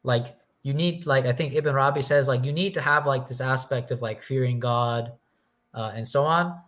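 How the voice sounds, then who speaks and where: A man's voice: mid-range voice, normal speed, fairly bright tone. A man in a casual philosophical conversation, rambling thoughtfully and often reaching for words with many likes. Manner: rambling, filler-heavy, thoughtful.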